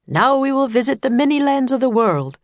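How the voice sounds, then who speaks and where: A woman's voice: high-pitched, very animated, fairly quick, no echo, pitched above the performer's own voice. A woman voicing a male tour guide who announces sights through a megaphone in a grand, sing-song way. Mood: announcing.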